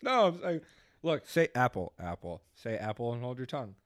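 A young man tells a raunchy story to friends on a podcast, his pitch leaping around as he jokes. He sounds close and dry on a studio mic. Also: very animated, normal speed, dry recording. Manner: crude, joking, laughs a lot. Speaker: podcast co-host. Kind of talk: casual chat, storytelling.

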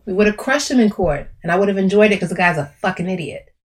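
A woman voicing a smooth, brash middle-aged male lawyer who talks bluntly and swears. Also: medium pitch, quick pace, close to an everyday voice.

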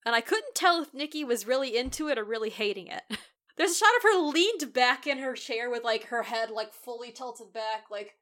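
A woman co-hosting a podcast in casual, animated chat, recapping a show and acting out quotes. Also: on the high side, moderate pace. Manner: animated, giggly, acts out quotes. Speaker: podcast co-host.

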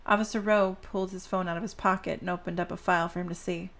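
A woman's voice: on the low side, steady tone, fast, creaky, a bit bright. A woman hosting a podcast, reading a story aloud and talking directly to her listeners. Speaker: podcast host.

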